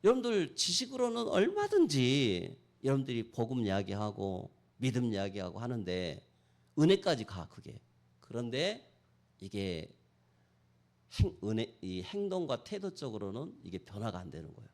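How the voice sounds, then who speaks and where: A man preaching a sermon as pastor, swinging between loud exhortation and soft acted-out prayers. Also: medium pitch, wildly swooping pitch, normal speed. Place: church sanctuary.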